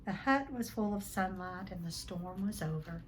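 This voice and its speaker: With a lowish voice at normal speed, a woman gives an expressive storybook read-along, speaking to her audience in a teacherly way and acting out the text. There is slight hiss or hum.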